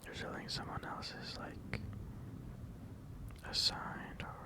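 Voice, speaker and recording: A person whispering ASMR affirmations in a breathy, unvoiced whisper, speaking in a halting, reassuring, rambling way. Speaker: ASMR content creator.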